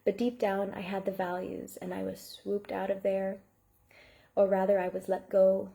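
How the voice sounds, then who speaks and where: A woman's voice: mid-range voice, level tone, normal speed, gravelly, warm tone. A woman coach giving a heartfelt live online masterclass, reading out and thanking viewers in the chat. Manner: earnest, heartfelt, speaks to chat viewers by name.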